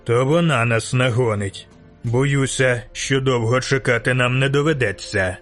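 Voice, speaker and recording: Guy playing an icy calm officer, slow and measured. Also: mid-range voice, soft background music, natural voice. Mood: cold. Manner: cold, measured. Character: cold calm male officer.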